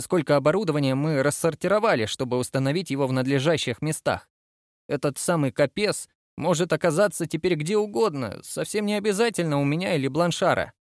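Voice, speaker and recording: A man's voice: a little high, no room sound, studio quality, pitched above the performer's own voice, natural voice. A man voicing an evasive male ship radio operator in a raised, defensive voice.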